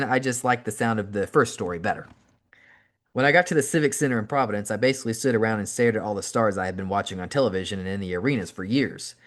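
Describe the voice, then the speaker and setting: A man, the host, reading a memoir aloud as an audiobook, narrating in an animated first-person storytelling style. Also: medium pitch.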